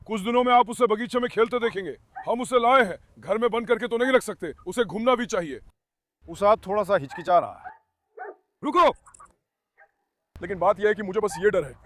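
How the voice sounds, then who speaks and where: A man with a fairly high voice talks easily to a pack of dogs and to the camera. He coaxes them, calls them son and scolds them when they scuffle. A faint hiss sits under his voice. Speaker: farm vlogger with dogs. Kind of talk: casual talk to dogs and viewers.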